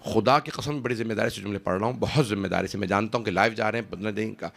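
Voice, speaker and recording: A middle-aged man preaching an emotional sermon to a large live gathering, with dramatic rises in pitch and loudness as he addresses the crowd. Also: vocal fry. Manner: addresses the gathering directly and often. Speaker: Islamic preacher. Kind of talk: impassioned religious sermon.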